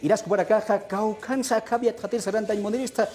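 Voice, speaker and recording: A man's voice: high-pitched, fairly even intonation, fast talker, a little mellow. A man co-presenting a televised Aymara lesson, giving short announcements and acknowledgments.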